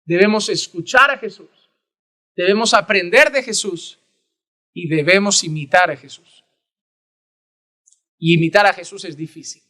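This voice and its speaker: A man preaching a sermon as pastor, earnest, rising to loud emphasis and dropping to hushed prayer. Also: high voice, unhurried, pauses often.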